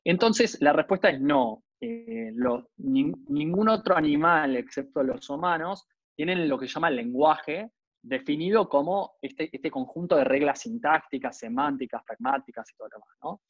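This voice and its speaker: A man with a Rioplatense Argentine accent gives a relaxed university lecture. His voice sits a little high, and he keeps checking in with his listeners as he talks. The recording is dry and somewhat dull, with a lo-fi sound. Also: moderate pace, dry recording. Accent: Rioplatense Argentine Spanish. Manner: conversational, often checks in with "¿no?". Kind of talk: informal lecture.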